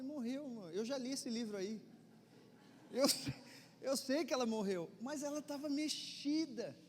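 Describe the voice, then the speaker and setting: A middle-aged Brazilian man with a Brazilian Portuguese accent, preaching a conversational sermon in church, swinging between loud urgency and quiet intensity. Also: extremely high pitch, a little hiss or hum. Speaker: pastor. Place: church hall. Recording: long reverb of a church hall, faint ambience.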